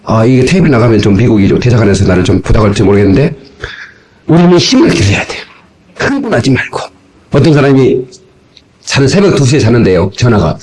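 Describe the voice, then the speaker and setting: Animated Korean pastor preaching a sermon. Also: male voice, medium pitch, fast talker, rough recording. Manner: animated preaching with acted-out dialogue and shouts. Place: church sanctuary. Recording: old cassette tape sermon recording.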